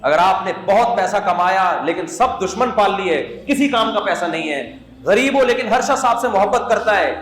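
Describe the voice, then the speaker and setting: A man's voice: high-pitched, animated, fairly bright tone. A man from Pakistan giving an informal sermon as an Islamic preacher, talking conversationally and asking his listeners rhetorical questions. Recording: roomy with faint background noise.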